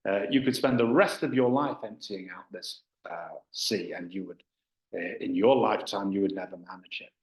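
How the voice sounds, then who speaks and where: A man's voice: low voice, moderate pace, roomy sound, lightly acted, poor audio. A man voicing a scornful male sea dragon who mocks a mere human. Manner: mocking and dismissive.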